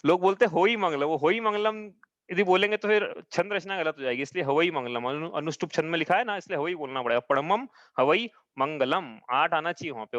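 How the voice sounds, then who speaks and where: A man's voice: on the high side, fairly bright tone, no echo, highs cut off. A man teaching a live class, patiently explaining each step and often checking that his students follow. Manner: chants verses slowly. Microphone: own mic, audio only.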